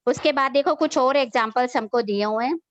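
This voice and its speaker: A woman schoolteacher giving an online English grammar class, speaking slowly and patiently, repeating points and checking that students follow. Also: high voice. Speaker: school teacher. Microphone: online class, computer mic.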